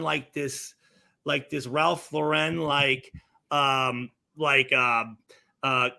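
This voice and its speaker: A man co-hosting a podcast, telling a long story in a laid-back, profane, animated way. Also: a little high, gravelly. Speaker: podcast co-host, former player. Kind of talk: casual storytelling chat.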